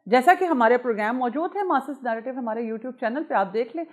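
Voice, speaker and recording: High-voiced woman hosting cricket commentary. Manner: emphatic, sudden swings in loudness. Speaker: channel host.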